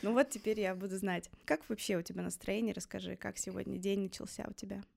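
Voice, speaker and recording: Женщина, ведущая непринуждённого подкаста. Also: female voice, medium pitch, fairly even intonation, quick pace, gravelly, a little mellow. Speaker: podcast host. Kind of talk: casual interview.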